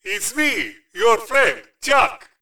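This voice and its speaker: A man voicing a cautious, businesslike alien male merchant in a storybook, speaking slowly and deliberately. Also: very high voice, sing-song, sharp tone, no echo, pitched above the performer's own voice, exaggerated voice, low-quality recording. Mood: wary.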